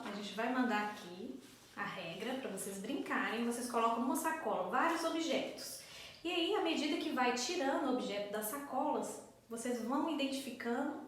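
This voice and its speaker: A woman's voice: fairly high pitch, fairly bright tone. A woman school coordinator gives parents patient, step-by-step literacy tips. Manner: patient, explains step by step, claps out syllables. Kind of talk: instructional explanation for parents. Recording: very echoey room, distant mic, faint noise.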